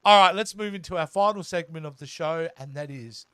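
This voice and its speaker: A man's voice: a little high, brisk. An Australian man hosting a casual chat show, reading viewer comments and bantering. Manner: bantering, laughs often. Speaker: host.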